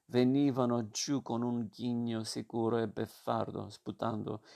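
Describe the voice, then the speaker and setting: A man reading a novel aloud as narrator, steady and measured. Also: mid-range voice, gravelly.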